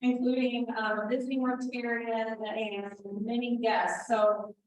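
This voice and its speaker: Woman presiding over a club lunch, easygoing, slightly high voice, echoey hall. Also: unhurried. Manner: relaxed, chatty, says y'all. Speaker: meeting presider. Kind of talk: casual meeting announcements. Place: large meeting room. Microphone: handheld microphone. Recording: very echoey room with faint noise.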